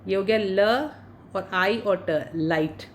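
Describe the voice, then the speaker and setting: A woman's voice: medium pitch, slow pace, slight background noise. Patient woman teaching English pronunciation. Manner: patient, repeats each word then gives its meaning. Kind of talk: spoken English lesson for Hindi speakers.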